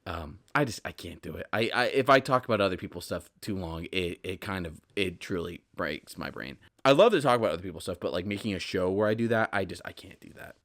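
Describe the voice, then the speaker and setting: Here a young man in his 20s, fairly low-voiced, runs a solo podcast at a quick pace with few pauses. His casual talk meanders, full of self-interruptions and repeated words, and he shifts animatedly from forceful bursts to hushed asides.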